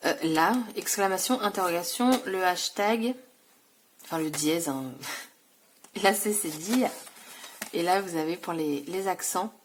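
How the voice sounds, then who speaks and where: A woman's voice: lowish voice, a little slow, pauses often, a little hiss or hum. A woman vlogger showing off scrapbooking supplies in a casual, chatty way, full of fillers and self-corrections. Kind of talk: casual haul video.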